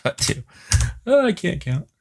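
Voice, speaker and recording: A man's voice: sits high, big pitch swings, a little slow, vocal fry, a little hiss or hum. A man teaching a live-streamed IT class, muttering and grumbling at the computer while he reads out network addresses as he types. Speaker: IT instructor.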